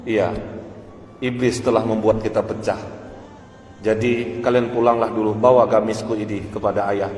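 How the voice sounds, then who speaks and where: A man voicing Prophet Yusuf, a calm and forgiving grown ruler, in a retold sermon story. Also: lowish voice, normal speed, pauses often, slight background noise, lightly acted. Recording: echoey hall with faint music.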